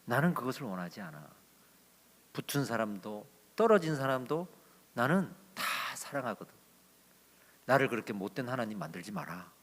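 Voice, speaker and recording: A male pastor speaking as a patient, fatherly Jesus who reasons gently with a lively, rising and falling voice. The voice carries a long reverb from a large church hall. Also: mid-range voice, normal speed. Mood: gentle.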